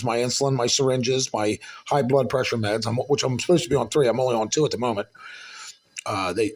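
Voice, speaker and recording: A man ranting in his apartment, telling a rambling, profane story about a neighbor. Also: medium pitch. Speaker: vlogger recounting a dispute with a neighbor. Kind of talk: casual angry rant to camera.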